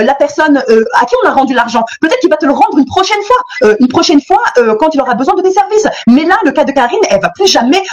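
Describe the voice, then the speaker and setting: Une femme co-animatrice qui commente avec assurance et appuie les propos de l'animateur. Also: female voice, high-pitched, darkish tone. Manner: emphatic, agreeing, explanatory. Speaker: co-host. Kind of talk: live discussion commentary.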